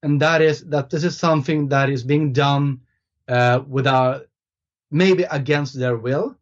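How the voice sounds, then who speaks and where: Unhurried and steady in a mid-range voice, a native Swedish man appears as a guest author on a casual podcast. He speaks thoughtfully and hesitantly, restarting often and using many fillers. The recording is slightly muffled and lo-fi dull.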